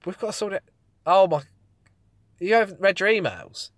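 A man's voice: high-pitched, animated, normal speed, no echo, studio quality. A man co-hosting a podcast in casual, comic banter. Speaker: podcast co-host.

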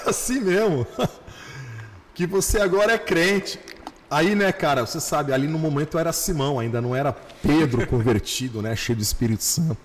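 A male pastor telling his conversion story on a podcast, animated, slowing down and repeating phrases for emphasis. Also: a little high, in a large hall. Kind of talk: podcast testimony.

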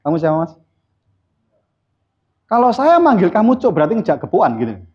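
Male seminar speaker, high and lively voice, blunt teasing delivery. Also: normal speed. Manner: blunt, teasing, quizzes the audience. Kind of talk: live motivational seminar talk. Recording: dull lo-fi recording.

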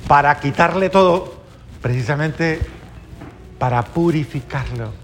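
A man preaching a sermon, earnest and slow, putting questions to the congregation. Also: on the high side, a little hiss or hum.

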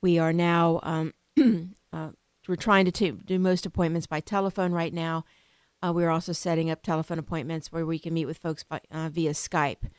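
A woman with a smooth, lowish voice gives interview answers as an attorney. She speaks haltingly and is recorded dry and close. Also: steady tone, no room sound. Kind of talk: spontaneous radio interview answers.

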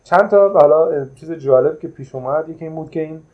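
A man's voice: fairly high pitch, narrow, tinny audio. A man who manages a traditional hotel, casually recounting a travel memory with many hesitant filler sounds.

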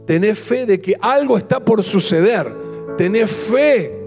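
A man with an Argentine accent preaching a sermon as pastor. He fires off rhetorical questions and drops to hushed repetitions. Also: high voice, animated, measured pace, faint music behind.

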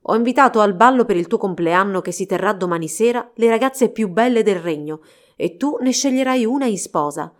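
A woman's voice: mid-range voice, big pitch swings, normal speed, close to an everyday voice. Woman putting on a cold, stern queen. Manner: cold, commanding, clipped. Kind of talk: storybook reading.

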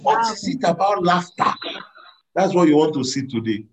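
A man preaching a sermon, animated, laughing and drawing answers from his congregation. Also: on the high side, normal speed, husky, low-quality recording. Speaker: pastor.

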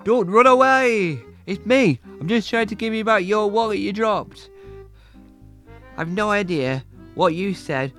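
A man's voice: sits high, a little slow, long pauses, a bit bright, soft background music. A man voicing a jumpy, easily frightened young man who stammers in panic. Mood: panicked.

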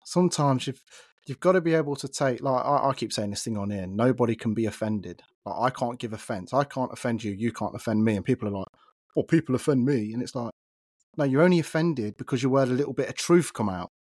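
A man with an East Midlands English accent, hosting a casual podcast conversation, chatty and quick to laugh, often repeating his words. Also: mid-range voice, animated, darkish tone, dry recording, clean studio sound. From England. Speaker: podcast host.

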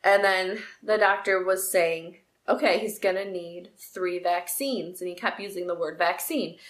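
Bright-voiced woman telling a story. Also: on the low side, a little slow. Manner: animated storyteller, acts out quoted voices. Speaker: podcast co-host. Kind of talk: casual chat. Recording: echoey room.

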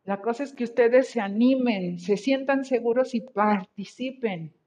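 A woman teaching an online language class, switching between two languages, repeating her students' sentences slowly and encouraging them. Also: on the high side, mellow. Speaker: English teacher. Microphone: video call.

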